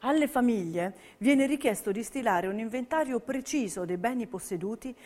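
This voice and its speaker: A woman with a fairly high, darkish, animated voice narrates a documentary stage piece, reading history and testimony in a scripted, measured way that sets out each word clearly.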